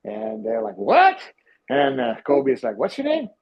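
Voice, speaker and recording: A husky-voiced man from Finland, a guest and former team physiotherapist, tells stories conversationally with a Finnish accent, halting with lots of restarts and fillers. His voice is high and its pitch swoops wildly, on a dull, lo-fi recording.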